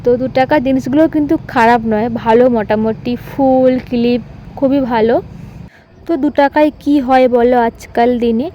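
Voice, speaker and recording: A woman vlogger with a hoarse voice, talking softly and chatting straight to her viewers in a casual voice-over. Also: on the high side, steady tone, moderate pace, dull audio, a little hiss or hum. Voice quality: soft-spoken. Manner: chatty, addresses viewers directly.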